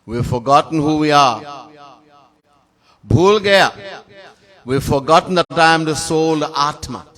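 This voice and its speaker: A man with a Trinidadian accent giving a sermon as a swami in a temple, chanting Sanskrit verses slowly in a sung tone between plain teaching. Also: a little high, fairly bright tone. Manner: lists words in long spoken series. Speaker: swami giving a spiritual discourse.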